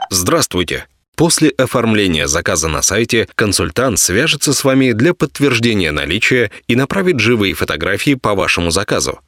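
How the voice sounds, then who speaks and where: A man's voice: on the low side, fairly bright tone. A man reading recorded telephone greetings in a polite, formal announcer delivery. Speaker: voice-over artist. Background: background music.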